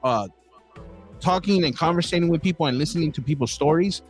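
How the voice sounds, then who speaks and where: This podcast host runs a casual interview, rambling with lots of restarts and calling his guest "bro." His voice is a little high and a little fast, with faint music in the background.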